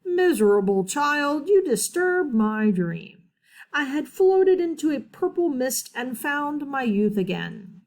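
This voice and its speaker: A sleepy old man from a storybook, as a woman puts him on, grumbling in slow, drawn-out words. He sounds drowsy and put out at being disturbed. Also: high voice, sing-song, darkish tone, pitched above the performer's own voice, exaggerated voice. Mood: grumpy dreamy. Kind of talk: storybook reading aloud.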